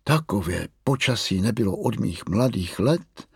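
A man doing a kindly, calm Moominpappa. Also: fairly low pitch, gravelly, husky, no room sound, studio quality, heavily acted. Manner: slow and friendly. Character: calm, kindly father troll, fond of adventure.

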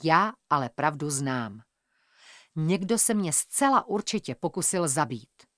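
Low, dry-voiced woman narrating. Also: lively intonation, no room sound. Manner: measured, tense storytelling. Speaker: audiobook narrator. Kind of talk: scripted first-person narration.

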